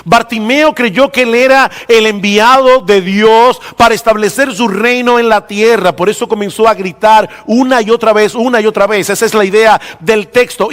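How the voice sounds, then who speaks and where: Guy preaching a sermon, pretty high voice, big echoey church reverb, leans hard on the key words. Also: a bit bright. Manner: emphatic preaching, slows down and rises for stress. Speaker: pastor. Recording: long reverb of a hall.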